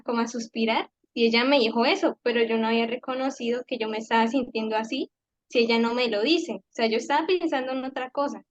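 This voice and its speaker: A woman's voice: on the high side, no room sound, lo-fi sound. A woman sharing a personal reflection in a faith group class, talking conversationally with hesitant restarts. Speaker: class participant.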